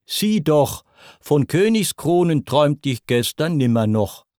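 A man's voice: a little high, sing-song, measured pace, darkish tone, dry recording, studio quality, pitched above the performer's own voice. A man doing a wondering, ambitious centaur. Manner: wondering, scheming.

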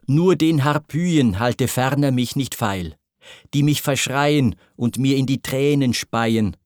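A man voicing a proud titan brought low, speaking in anguished, pleading verse. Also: slow pace, a little mellow, no room sound, studio quality, close to an everyday voice.

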